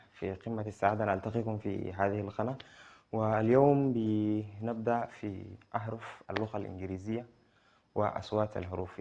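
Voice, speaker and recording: A man teaching English letter sounds to beginners, spelling them out slowly and repeating each sound. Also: fairly low pitch, vocal fry, dark tone. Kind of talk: beginner pronunciation lesson. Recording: dull lo-fi sound.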